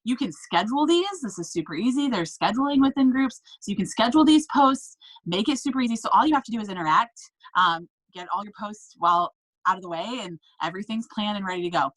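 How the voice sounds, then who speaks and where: Bright, upbeat woman coaching sellers. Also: mid-range voice, lively intonation, fast, poor audio. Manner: upbeat, emphatic, checks in with "okay?" and "right?". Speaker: direct sales team leader. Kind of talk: casual coaching talk.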